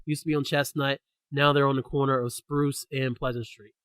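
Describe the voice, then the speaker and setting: A young man hosting a podcast, telling a story in a lively, ranting way. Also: mid-range voice, a little fast, no echo. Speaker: podcast host. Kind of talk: casual chat.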